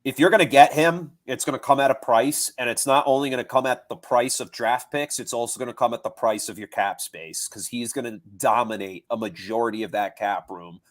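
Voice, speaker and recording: A man's voice: medium pitch, fairly quick, hardly any pauses. A man co-hosting a sports podcast, chatting loosely with fillers and restarts. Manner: rambling, lots of fillers and restarts. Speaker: podcast co-host. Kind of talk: casual sports talk.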